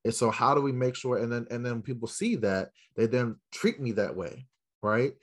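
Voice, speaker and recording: A man's voice: medium pitch, animated, normal speed. A man with an American accent and a mid-range voice speaks as an interview guest. He tells stories in an emphatic way, addressing his listeners directly and often checking in with rhetorical questions. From South Central Los Angeles, United States. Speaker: educator and school mentor, podcast guest. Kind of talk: storytelling interview answer to a live audience.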